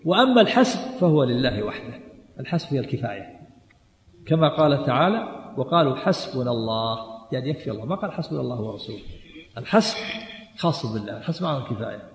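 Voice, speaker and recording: A man's voice: medium pitch, sing-song, fast. A man teaching a lesson on a classical religious text, reading passages aloud and explaining them emphatically, repeating each point to drive it home. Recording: echoey hall with long reverb.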